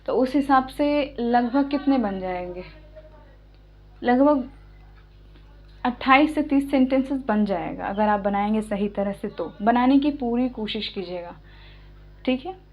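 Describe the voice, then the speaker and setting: A woman teaching an English lesson, explaining slowly and patiently and often checking that her students follow. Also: a little high, lively intonation. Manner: patient, repeats and checks understanding. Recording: dull lo-fi sound.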